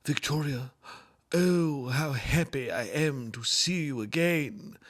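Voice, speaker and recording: A man voicing a lovesick ghostly prince, crooning in a low, theatrical way through a comic seance. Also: slow. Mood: swooning. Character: ghostly prince, swooning lovesick widower's spirit.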